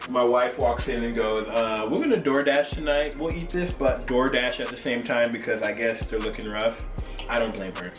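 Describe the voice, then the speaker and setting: A man's voice: medium pitch, normal speed. Tipsy man rambling in an echoey kitchen. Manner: tipsy, loose and rambling, losing track mid-sentence. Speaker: home cooking show host. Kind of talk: casual chat to camera while cooking. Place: home kitchen. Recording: roomy echo, distant mic, music behind.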